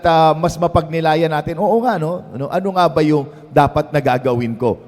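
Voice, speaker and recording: A man's voice: a little high, long reverb tail. A Filipino man, a priest, giving a conversational sermon at a prayer meeting, mixing Tagalog and English and often tagging his sentences with "no?". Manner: mixes Tagalog and English, tags phrases with "no?"; storytelling, conversational.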